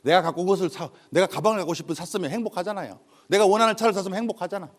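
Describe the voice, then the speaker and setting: A man's voice: high voice, very fast. A man giving a humorous motivational lecture to an audience, telling stories and acting out dialogue in different voices. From South Korea. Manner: animated storytelling, acting out dialogue in dialect and character voices. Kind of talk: comic lecture to a live audience.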